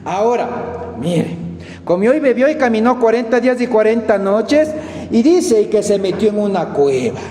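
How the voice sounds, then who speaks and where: A high-pitched, mellow-toned man with an Ecuadorian accent preaches an emphatic sermon, moving from loud outbursts to quiet asides. His voice rings through a church hall with a long reverb. A faint noise sits underneath. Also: very animated, moderate pace. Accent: Ecuadorian Spanish.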